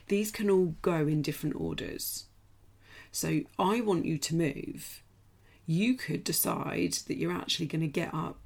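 A middle-aged British woman from the United Kingdom leads a group challenge, coaching everyone through a morning routine in casual live talk. Her low-sitting voice is croaky today and she keeps clearing her throat. She's direct and encouraging, often checking in with "okay?".

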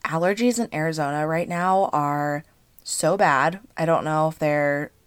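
A business coach in her thirties hosts a casual solo podcast, her low-pitched voice hoarse and congested from allergies. She's chatty, a little slow, and uses frequent fillers, with no echo in the recording.

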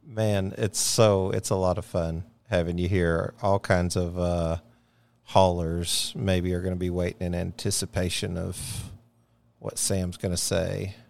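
Deep gravelly man, joking podcast host. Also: little pitch movement, a little slow, darkish tone. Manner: joking, laughs often. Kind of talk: casual podcast chat. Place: hotel room.

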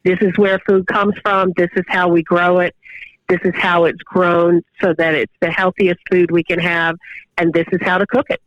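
A woman's voice: fairly low pitch, little pitch movement, moderate pace, no echo. Woman, professor, over the phone, dull phone sound, explanatory, filler words. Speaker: guest professor of exercise science. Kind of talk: interview answers. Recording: dull, muffled phone line.

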